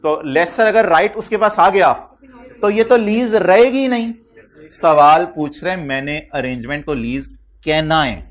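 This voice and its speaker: A male accounting lecturer teaches a class, constantly questioning his students and repeating key phrases for emphasis. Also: on the high side. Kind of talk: classroom lecture mixing Urdu and English terms.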